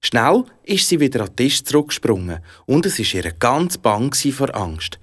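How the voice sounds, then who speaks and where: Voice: mid-range voice, moderate pace. A storyteller with a Swiss German accent, narrating a fairy tale expressively. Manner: expressive, animated.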